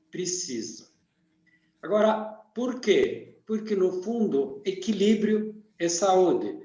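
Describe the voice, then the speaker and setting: An older man from Argentina, a radiesthesia teacher calmly explaining his field as a guest in an interview. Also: a little high. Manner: calm, methodical, lists things one by one. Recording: dull, echoey call audio.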